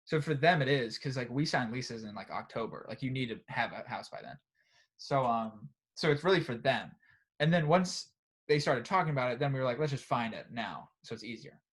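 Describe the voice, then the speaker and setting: A young man co-hosting a podcast, telling a story in a casual, animated way and often tagging "right?" and "bro". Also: medium pitch, fairly quick, slightly rough. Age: young adult. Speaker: podcast co-host. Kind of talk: casual chat.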